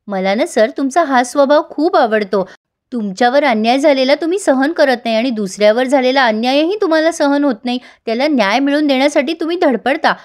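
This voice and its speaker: Sincere, admiring young wife, high-voiced and gently persuasive, a woman reading the part.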